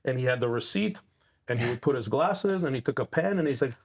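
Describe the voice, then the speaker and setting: A man's voice: medium pitch, expressive, quick pace. A man from Ukraine, a podcast guest in his thirties, telling family stories in a reflective, casual way, often restarting his sentences. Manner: reflective storytelling with frequent restarts. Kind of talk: casual conversation.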